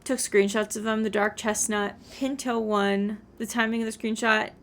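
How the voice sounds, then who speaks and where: A woman's voice: mid-range voice, steady tone, normal speed, a little hiss or hum. A woman chatting casually on a game livestream, rambling and thinking aloud as she plays. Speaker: game streamer.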